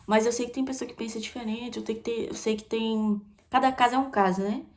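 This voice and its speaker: A young woman from Brazil chatting candidly in a casual vlog, repeating phrases and dropping into soft asides. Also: a little high, fairly even intonation, fast. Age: young adult. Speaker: vlogger. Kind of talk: casual confessional chat.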